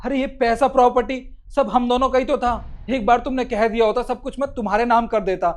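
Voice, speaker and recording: A man's voice: very high voice, steady tone, fast talker. A man playing a wronged husband who protests and pleads to be believed. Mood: pleading.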